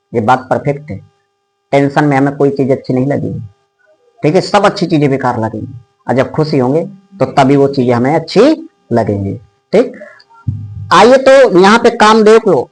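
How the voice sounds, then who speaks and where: A male Hindi teacher explaining a poem line by line for an exam, asking his students questions and chanting the verses slowly in a sing-song. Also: fairly high pitch, poor audio. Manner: explains line by line, asks students questions, says "ठीक" often. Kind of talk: exam-prep poetry lesson.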